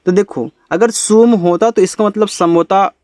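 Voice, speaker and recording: Man, teacher, spells words letter by letter, higher-pitched, dry recording. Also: a little mellow, dry recording. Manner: spells out letters slowly, then explains in Hindi. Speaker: English teacher. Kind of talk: spelling lesson.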